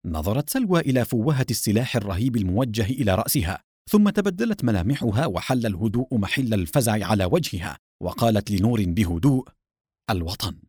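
A man's voice: fairly low pitch, very animated, quick pace, mellow, slightly rough, no room sound, studio quality. A man giving dramatic, scripted narration of a children's adventure story.

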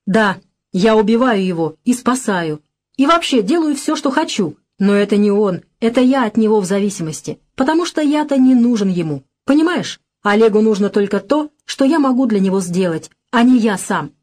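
A woman's voice: medium pitch, expressive, normal speed, a little mellow, lightly acted. A woman reading the part of a tense, bitter young man who speaks in a strained, raised voice.

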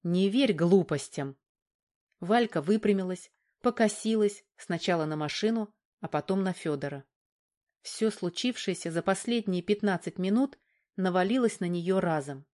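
A woman reading an audiobook in a measured, even narration. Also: fairly low pitch. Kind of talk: scripted narration.

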